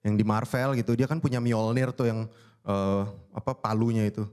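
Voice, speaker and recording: A man's voice: lowish voice, moderate pace, clear, resonant tone. A young man performing a stand-up comedy set on stage, talking animatedly and slipping into impersonations. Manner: animated, jumps into impersonations of odd voices. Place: stage before a live audience.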